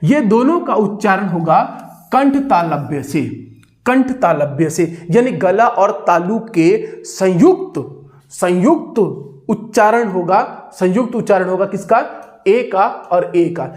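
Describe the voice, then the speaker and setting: A man's voice: high-pitched, expressive, slow pace, darkish tone. A man teaching a classroom-style exam coaching lecture with energy, repeating phrases for students to chant along.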